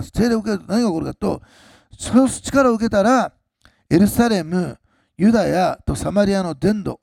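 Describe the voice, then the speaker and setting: A pastor preaching a sermon, swinging between loud, slowed emphasis and quiet, low asides to the congregation. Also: male voice, creaky, breathy edge, dry recording, studio quality.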